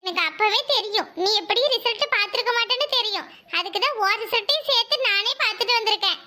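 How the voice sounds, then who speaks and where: A woman's voice: very high voice, fast, pushed and bright. A woman voicing a teasing, bossy teenage schoolgirl friend in a cartoon, with a southern Tamil Nadu accent. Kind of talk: cartoon voice acting.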